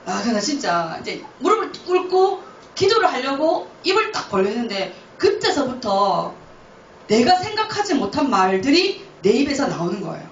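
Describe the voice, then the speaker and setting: A woman missionary giving a lively testimony, often laughing as she tells her story in a church. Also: fairly high pitch, normal speed, a little hiss or hum. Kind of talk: testimony talk. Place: church hall. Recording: roomy, distant, dull church recording.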